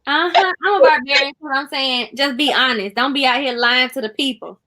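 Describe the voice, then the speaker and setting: A woman's voice: high voice, a little fast, sharp tone. A woman co-hosting a casual chat over a video call, teasing and emphatic. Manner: teasing, emphatic, often exclaims "child". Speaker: co-host.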